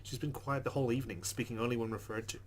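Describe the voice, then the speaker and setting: With guitar game music playing behind him and slight background noise, a man hosts a let's play at a very fast clip. His medium-pitched voice keeps a steady tone as he reads visual novel narration expressively and adds chatty, casual remarks.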